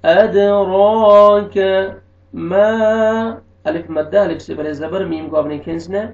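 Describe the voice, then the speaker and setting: A man teaching tajweed, slowly drawing out recited words and then explaining the pronunciation rules more plainly. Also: fairly high pitch, fairly even intonation, creaky. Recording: echoey, distant, dull recording.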